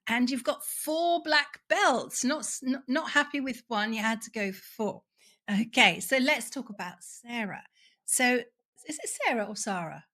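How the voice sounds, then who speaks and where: A woman's voice: a little high, measured pace, pushed and bright. A woman hosting a podcast interview, chatty and enthusiastic, with a self-deprecating humour. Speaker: podcast host.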